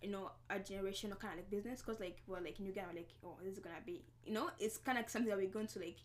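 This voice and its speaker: A woman's voice: medium pitch, steady tone, very fast. Young woman, giggly and chatty. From Congo. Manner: laughing often, heavy use of "like". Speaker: podcast guest, fashion designer. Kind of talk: casual interview chat.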